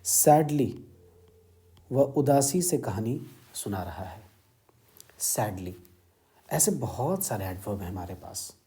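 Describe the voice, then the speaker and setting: A man with an Indian accent teaching English grammar, explaining word meanings slowly and moving between Hindi and English. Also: fairly low pitch, big pitch swings, warm tone. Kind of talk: grammar lesson lecture.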